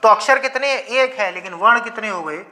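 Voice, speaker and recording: A man teaching Hindi grammar in a lecture, asking questions and answering them himself, repeating example words slowly. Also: high voice, bright, forceful tone. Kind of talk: classroom lecture.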